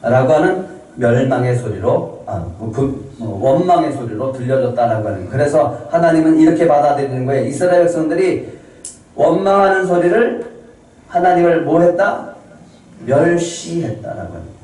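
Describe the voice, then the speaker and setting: A man's voice: a little high, expressive, moderate pace, a little mellow. A man preaching a sermon as pastor, putting questions to the congregation and waiting for their answers. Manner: asks the congregation questions and waits for replies. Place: church sanctuary. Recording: very echoey room, distant mic, faint noise.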